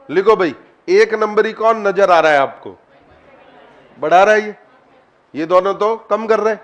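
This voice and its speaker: Teaching chemistry over the internet, a man with a high voice repeatedly tests his class, drawing responses out of the students and naming whoever he wants to answer.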